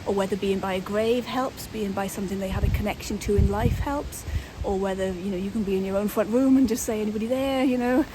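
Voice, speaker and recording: A woman's voice: medium pitch, fairly even intonation, a little fast, hardly any pauses. A woman hosting a casual paranormal vlog, chatting and calling out to spirits outdoors in the wind. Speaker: host, paranormal investigator. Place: outdoors in a windy graveyard. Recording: very noisy windy outdoor recording.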